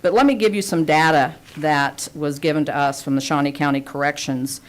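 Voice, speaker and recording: A woman giving a prepared statement at a county budget hearing, laying out figures point by point in a measured way. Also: low-pitched. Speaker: community advocate at a budget hearing. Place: county meeting room.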